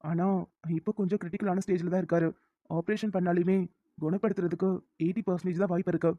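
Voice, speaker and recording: A woman voicing a calm, reassuring male doctor who speaks in a gentle, measured, professional way, on a dull lo-fi recording. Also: fairly low pitch, no echo, lightly acted. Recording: dull lo-fi sound.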